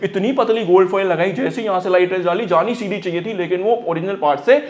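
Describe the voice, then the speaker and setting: Playful teacher dude, highish voice, slangy, keeps quizzing the kids. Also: male voice, fast talker, a little mellow. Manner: playful, slangy, keeps quizzing the students and calls them brother. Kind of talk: energetic classroom lesson.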